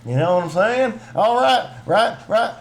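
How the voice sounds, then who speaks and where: A man's voice: high-pitched, expressive, unhurried, vocal fry. A man ranting in casual podcast chat, putting on a thick Southern twang, emphatic and folksy, often repeating his words. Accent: put-on Southern US twang. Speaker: podcast co-host.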